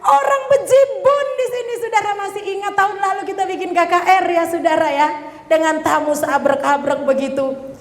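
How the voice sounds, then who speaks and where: A woman's voice: extremely high pitch, brisk. A middle-aged woman, a pastor's wife, gives an emotional testimony sermon, often calling the congregation "saudara". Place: church hall. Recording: echoey church hall.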